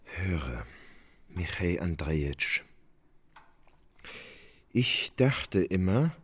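An idle radio-play nobleman; unhurried, lively pitch. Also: heavily acted. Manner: slow, measured, then bursts out. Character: gentle, idle nobleman, slow, roused to anger. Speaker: Oblomov. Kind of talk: radio drama acting.

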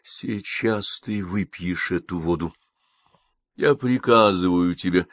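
A man reading an audiobook, voicing a stern older gentleman who speaks slowly and deliberately. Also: deep voice, no echo. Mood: commanding. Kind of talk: audiobook character voice.

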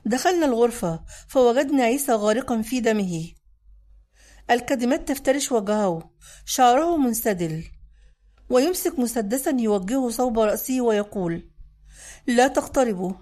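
A woman narrating a dramatic audiobook in the first person, measured and intense. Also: on the high side, lively intonation, mellow.

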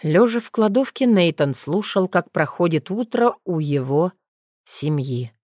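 A woman narrating an audiobook in a steady, measured storytelling manner. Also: on the low side, no echo, clean studio sound.

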